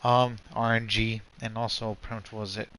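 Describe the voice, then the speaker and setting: A man's voice: on the low side, level tone, moderate pace, bright, forceful tone, slight background noise. A man giving casual, rambling, slangy live commentary as a game streamer. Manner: rambling, slangy, repeats "pretty much".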